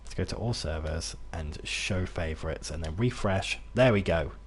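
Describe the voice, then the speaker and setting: A young British man from near Birmingham, whose accent is a loose British mix rather than Brummie, speaks in a low voice at normal speed. Streaming a game, he rambles casually to chat with fillers and restarts, over a little hiss or hum.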